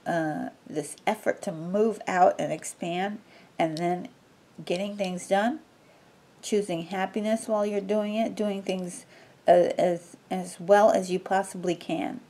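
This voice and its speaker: A woman's voice: medium pitch, slow, darkish tone. A woman giving a casual tarot reading, talking in a rambling way with many fillers and restarts. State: sneezing from allergies. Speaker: tarot reader.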